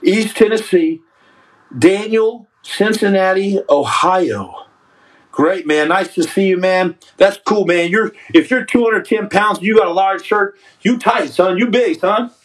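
A man with a high voice hosts a loose, casual livestream, reading out the viewers' comments. He ribs the audience and calls people son. His voice sits a little back from the mic. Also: measured pace, far from the mic, poor audio. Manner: joking, trash-talking, calls people son. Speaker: podcast host reading live chat.

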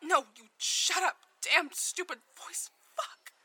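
Bright, anguished, haunted mother played by a woman. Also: mid-range voice. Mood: agitated, angry. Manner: halting, emotionally fraught. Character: anguished, guilt-ridden mother haunted by voices. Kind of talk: audio drama acting.

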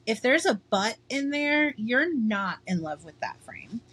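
Brief: woman podcast co-host, eyewear pro, relaxed slow delivery, emphatic and chatty. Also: on the high side, husky, no echo. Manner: chatty, emphatic, laughs easily. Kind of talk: casual chat.

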